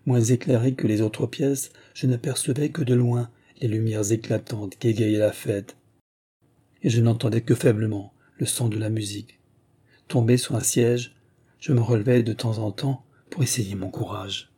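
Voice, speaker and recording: A man reading a classic novel aloud as a measured, emotive narrator. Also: medium pitch, fairly even intonation, mellow, husky. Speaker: audiobook reader.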